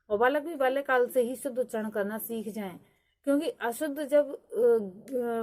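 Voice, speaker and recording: Woman teacher, fairly high voice, steady point-by-point lecture. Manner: explains point by point, mixing English terms.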